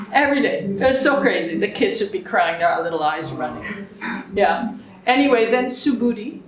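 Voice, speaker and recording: A fairly high-voiced older woman, in her seventies, sharing stories with a small gathering. She talks in a chatty way, laughs easily and acts out the lines of the people in her tales. The sound is roomy, with echo off the walls. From Canada. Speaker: guest speaker. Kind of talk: anecdotal storytelling to a small group. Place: room with a small live audience. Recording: echoey room.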